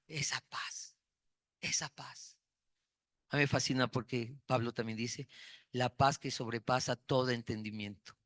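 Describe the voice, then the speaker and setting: A man's voice: mid-range voice, a bit bright, no room sound, clean studio sound. A man preaching a sermon, repeating key words for emphasis and telling personal stories.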